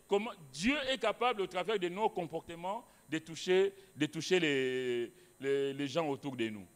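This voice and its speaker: A man's voice: medium pitch, fairly bright tone. A male pastor preaching a sermon in a church, emphatic, repeating phrases with many restarts. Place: church hall. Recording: long hall reverb.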